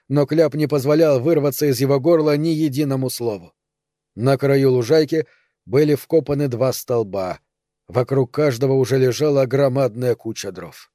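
A man narrating a novel in a steady, measured storytelling manner. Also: mid-range voice, no room sound, studio quality. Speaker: audiobook narrator. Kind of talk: scripted narration of a dark historical novel.

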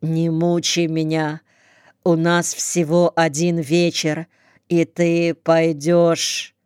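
A woman's voice: low-pitched, flat delivery, slow pace, a little mellow, clear, resonant tone, no echo, studio quality. A woman reading a curt young soldier home from the front. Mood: gruff. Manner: curt, commanding tone.

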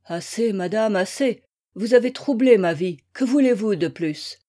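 A woman reading a novel aloud and voicing a young gentleman torn by remorse over a lost love, curt at first and then desperate. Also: medium pitch, expressive, a little slow. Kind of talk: read-aloud novel, acted dialogue.

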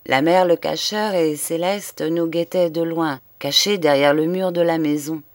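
A woman reading a literary short story aloud in a measured, grave storytelling manner. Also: low-pitched, fairly even intonation, no echo. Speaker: audiobook reader. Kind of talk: literary audiobook narration.

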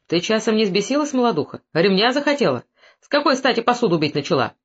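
Domineering middle-aged merchant in a storybook, put on by an audiobook reader, gruff, barking scolding, slightly dull recording. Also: mid-range voice, very animated, quick pace.

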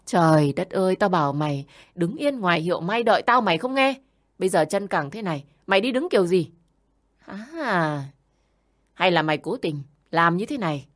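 A woman doing a shrill, scolding older aunt. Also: close to an everyday voice. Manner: yelling, berating, harsh.

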